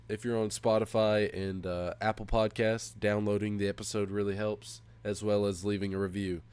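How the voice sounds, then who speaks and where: A man's voice: on the low side, darkish tone, clear, resonant tone. A man hosting a casual podcast, sounding sick, nasal and stuffed up, speaking into a headset. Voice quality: nasal, congested. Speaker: podcast host.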